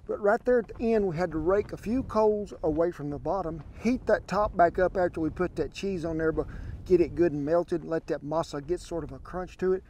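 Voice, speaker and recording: Brief Older Southern man in his sixties, folksy cowboy drawl, slightly high voice, demonstrating cooking outdoors on a lapel mic. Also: fairly quick, mellow, slight background noise. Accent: Southern US (Oklahoma). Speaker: cooking show host. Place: outdoor ranch camp by a pond, windy. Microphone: wireless lapel mic.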